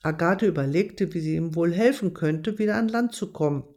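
A gentle storyteller reading a children's story aloud. The delivery is measured and calm, with a middle-range voice. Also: mid-range voice. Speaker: narrator.

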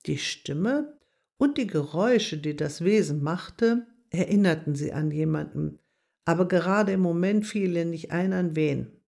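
A woman calmly narrating a children's story in a measured way. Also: on the low side, vocal fry.

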